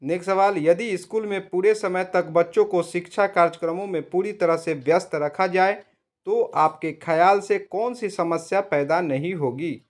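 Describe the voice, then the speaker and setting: High-voiced man reading quiz questions. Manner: steady, measured reading, slows down when giving the correct answer. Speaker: quiz presenter for teacher exam prep. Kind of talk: reading multiple-choice questions and answers.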